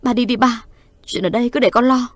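A woman's voice: on the high side, fairly quick, dry recording, natural voice. A woman voicing a distraught middle-aged aunt who gives urgent, tearful orders in an audio horror story. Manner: urgent, sobbing commands. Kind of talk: storytelling voice acting.

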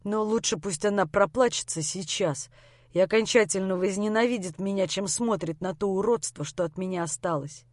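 A woman reading a novel aloud in the first person, with steady, intimate storytelling. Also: mid-range voice, normal speed, dry recording, studio quality. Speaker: narrator. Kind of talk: audiobook narration.

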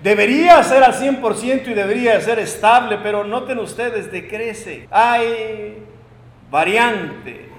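A high-pitched man preaching in an emphatic sermon style. He swings from loud proclamations to quiet asides. His voice carries a long, echoing reverb from the church hall. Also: unhurried.

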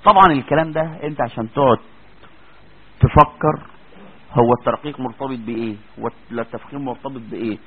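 A man's voice: medium pitch, fast, husky. A man with an Egyptian accent teaching Quran recitation in a classroom lecture. He explains each rule step by step and keeps asking if the students are following. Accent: Egyptian Arabic. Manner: explains step by step, checks understanding with frequent questions. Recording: tinny lo-fi lecture recording.

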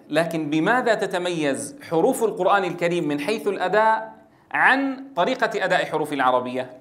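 High-voiced Syrian man teaching recitation. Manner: animated, demonstrates pronunciations and recitation, asks the audience. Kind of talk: classroom lecture.

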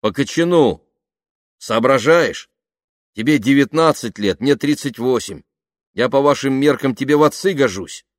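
A man's voice: extremely low pitch, normal speed, no echo, clean studio sound. A man reading an audiobook, voicing a tired, stern married man in his late thirties who answers curtly. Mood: scolding. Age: 30s. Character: weary married man, 38, stern, easily exasperated.

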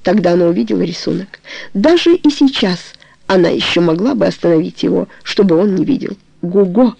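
An audiobook narrator reading a novel in a measured, even storytelling manner. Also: medium pitch, gravelly, a little hiss or hum. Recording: dull lo-fi recording.

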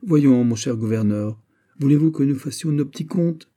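A man voicing a shrewd, calm bishop who questions his host in a measured, quietly insistent way, in an audiobook reading. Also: medium pitch, lightly acted. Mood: smooth. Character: calm, shrewd male bishop, smoothly probing.

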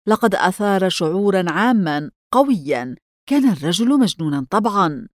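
A woman's voice: medium pitch, big pitch swings, a little fast, no room sound, clean studio sound, close to an everyday voice. A woman reading the lines of a polite, deferential male head clerk who studies handwriting, in a storybook. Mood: respectful. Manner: polite, respectful.

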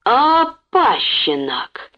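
A woman voicing a drunk, violent young male bandit who snarls and shouts threats. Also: on the high side, big pitch swings, drawn-out words, voice pushed up, heavily acted. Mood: menacing. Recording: dull lo-fi recording.

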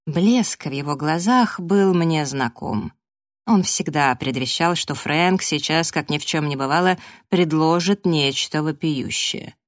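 A woman narrating an audiobook in first person, in a measured, dry storytelling manner. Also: sits low, dry recording.

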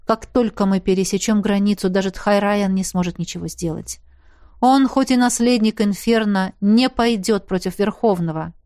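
A woman voicing a calm, secretive blond man, speaking softly and evenly. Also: mid-range voice, no echo, clean studio sound, lightly acted. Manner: soft, calm, measured.

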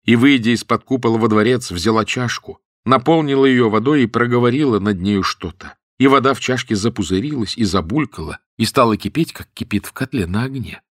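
A man narrating a classic tale in a measured, steady storytelling manner. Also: mid-range voice, no echo, studio quality. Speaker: audiobook narrator.

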